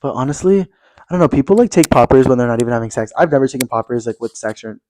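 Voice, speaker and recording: A man's voice: medium pitch, animated, fast talker, mellow, a little hiss or hum. A young man co-hosting a podcast, chatting in a gossipy way and filling his talk with "like". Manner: gossipy, says "like" constantly. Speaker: podcast co-host. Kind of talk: casual chat.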